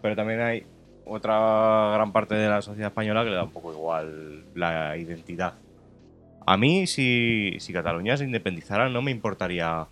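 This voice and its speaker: A man with a low voice who speaks in a measured, thinking-aloud way as he co-hosts a casual podcast. Faint music sits behind him. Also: a bit bright.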